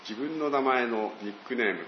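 An older man giving a slow, storytelling Bible talk as a pastor. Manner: slow, storytelling, with lively pitch. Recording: dull roomy recording with faint hiss.

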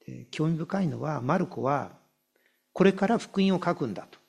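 A male pastor delivers a sermon in a gravelly, husky voice that sits a little high for a man. His pitch swings widely as he reads scripture and explains it. He repeats key phrases and slows right down on the words that matter. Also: expressive, darkish tone.

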